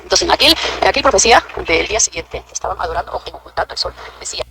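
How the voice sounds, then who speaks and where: A woman's voice: medium pitch, animated, rapid-fire, vocal fry, noisy background. A woman gives a fervent, repetitive church testimony, talking straight to a fellow sister. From Peru. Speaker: church member giving testimony. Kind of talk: emotional spoken testimony.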